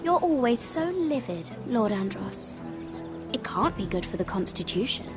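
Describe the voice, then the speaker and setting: Poised, lilting, high-voiced noblewoman. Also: sing-song. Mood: cutting. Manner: polite, measured, questioning. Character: poised, probing young noblewoman. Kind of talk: video game voice acting. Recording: music behind the voice.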